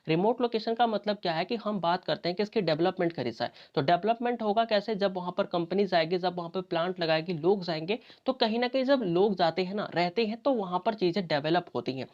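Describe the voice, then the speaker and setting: A woman's voice: lowish voice, brisk, hardly any pauses, darkish tone. A woman teaching an exam-prep lecture, talking conversationally and asking and answering her own questions. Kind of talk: explanatory lecture. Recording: dull lo-fi audio.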